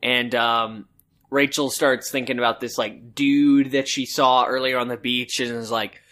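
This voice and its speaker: A man co-hosting a casual book-discussion podcast, talking slowly and unhurriedly. His voice is bright and forward. He rambles, filling his sentences with "like" and "um". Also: mid-range voice, steady tone. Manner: rambling, full of "like" and "um". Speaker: podcast co-host.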